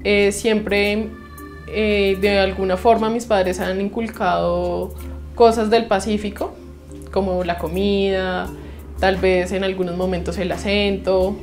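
A young woman, a law student speaking reflectively in a documentary interview, pausing often with "eh". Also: mid-range voice, level tone, a little mellow, faint music behind. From Bogotá, Colombia. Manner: reflective, with frequent "eh" pauses.

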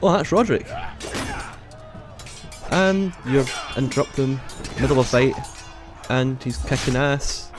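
A man giving sweary let's play commentary, reacting loudly to the game. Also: mid-range voice, a little slow, long pauses. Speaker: gaming YouTuber. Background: game music.

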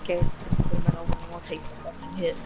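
A young man in casual gaming chat, haggling with his friends and swearing freely. His voice comes over clearly audible game music. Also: a little high, completely flat delivery, moderate pace, poor audio. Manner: profane, bargaining. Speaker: gamer playing online with friends. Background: video game sounds and music.

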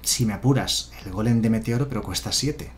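A man's voice: lowish voice, fairly quick, a little hiss or hum. A man with a Spanish accent from Spain, casually commenting a game on a live stream and answering his chat. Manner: chatty, answers chat, muses aloud. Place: home room with a chair.

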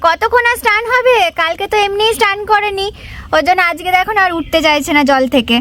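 Recorded on a wireless lapel mic in a home courtyard, this West Bengali vlogger chats fondly about her toddler in casual narration, sometimes lapsing into baby talk. She speaks quickly in a very high, fairly bright voice, with slight background noise.

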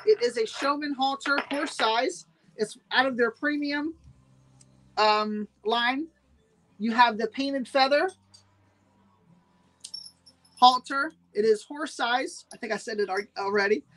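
A woman's voice: a little high, slow, pauses often, a bit bright, poor audio. A woman hosting a live-streamed sale, chatting with viewers and repeating every price twice. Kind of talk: live-streamed sales pitch.

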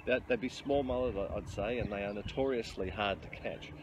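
This middle-aged man, a fishing vlogger, talks on the low side and fairly quickly while filming himself beside a bridge on a riverbank. He gives casual outdoor commentary, explaining his fishing with frequent ums and restarts, and the handheld camera's close-up audio captures a noisy riverside scene.

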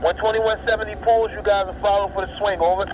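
A man's voice: sits high, steady tone, fast. A man making clipped, procedural railroad calls over a walkie-talkie radio. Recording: walkie-talkie radio, very noisy train station. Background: loud train and railway noise.

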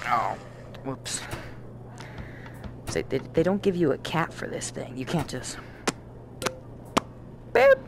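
A man's voice: a little high, huge pitch swings, slow, gravelly, long pauses, noisy background. A young man giving jokey let's-play commentary, exclaiming and talking back to the game's characters. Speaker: gaming YouTuber.

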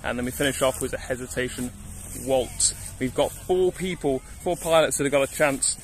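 A man's voice: mid-range voice, normal speed, slight background noise. Upbeat young man presenting outdoors. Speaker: event presenter. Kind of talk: on-location presenting. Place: outdoors on a grass field.

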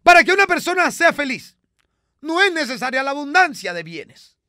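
A man doing a shrill, preachy moralizer. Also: sing-song, moderate pace, sharp tone, no room sound, studio quality, full character voice.

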